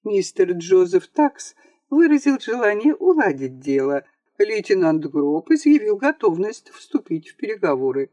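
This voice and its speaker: An audiobook reader telling a comic story with a wry, theatrical touch. The pitch rises and falls a lot, and the dry home-studio voice-over has almost no echo. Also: sing-song, measured pace, warm tone, lo-fi sound. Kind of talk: scripted narration of a comic story.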